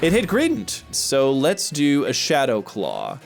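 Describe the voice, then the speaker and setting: A woman giving casual gameplay commentary as a let's player, jokey and gushing, swinging between excitement and emotion. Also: sits low, a little slow, creaky, soft background music. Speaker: let's play gamer.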